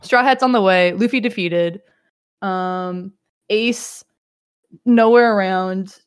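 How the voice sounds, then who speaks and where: A woman's voice: medium pitch, takes it slowly, clean tone. A woman casually recapping an episode on a podcast, rambling with laughter and many restarts. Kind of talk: casual chat.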